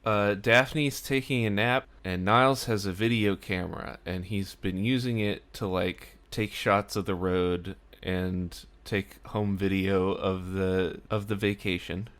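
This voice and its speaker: A man's voice: sits low, a bit bright, clean tone. A man casually recapping an episode of a sitcom in a chatty, wry way, often using filler words.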